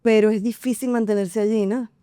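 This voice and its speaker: Laughing often and full of playful energy, a singer and actress from Venezuela talks casually as an interview guest. Her voice is a little high, smooth and fairly quick, recorded at studio quality with no echo.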